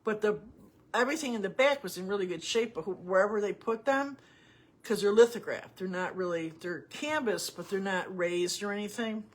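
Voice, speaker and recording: A woman's voice: medium pitch, expressive, moderate pace. Chatty woman teaching painting. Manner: rambling, chatty, folksy, with asides and restarts. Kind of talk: casual painting tutorial.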